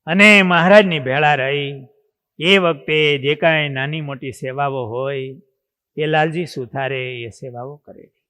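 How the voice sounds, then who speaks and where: Brief: dramatic male monk storyteller; smooth, resonant, ringing voice. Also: on the high side, unhurried. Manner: dramatic, swings in loudness. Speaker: monk preacher. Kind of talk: devotional storytelling sermon. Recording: long hall reverb.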